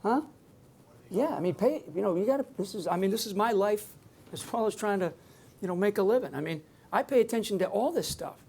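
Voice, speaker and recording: A public speaker on security addresses a live audience without notes, emphatic and meandering, often starting his sentences anew. He has a high, expressive voice that's brisk, a little mellow and slightly rough.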